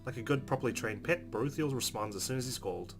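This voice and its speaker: With a mid-range voice, a fast pace and audible vocal fry, a let's player reads a visual novel's narration aloud with expression. Guitar game music backs his casual, wry asides.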